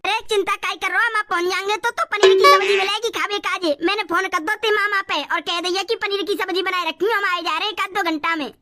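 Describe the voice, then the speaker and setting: A woman's voice: very high-pitched, fairly even intonation, fast, few pauses. A woman, chatting bossily in a rural comedy sketch. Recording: loud background noise.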